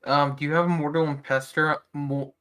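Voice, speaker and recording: Low-voiced woman running a tabletop game. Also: steady tone, moderate pace, fairly bright tone. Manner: hesitant, restarts often. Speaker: game master.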